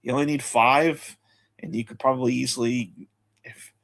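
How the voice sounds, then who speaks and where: Male betting-show host, relaxed and chatty, mid pitch. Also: normal speed. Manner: relaxed, chatty, rattles off lists. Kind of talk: casual betting talk.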